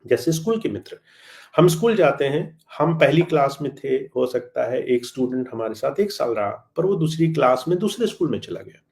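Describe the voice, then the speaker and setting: A man's voice: medium pitch, expressive, moderate pace, creaky, a little mellow. A man giving a live spiritual talk, answering listeners' questions in an earnest, friendly way and slipping in English phrases. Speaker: spiritual teacher.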